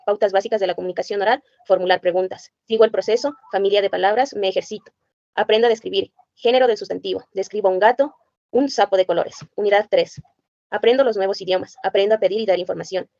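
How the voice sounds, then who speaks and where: A woman's voice: mid-range voice, creaky, a little mellow, dry recording. Woman presenter, reads items in a plain listing way; dry, dull lo-fi recording. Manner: plain list-reading, spells out letters and sounds one by one. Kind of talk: reading a curriculum list aloud.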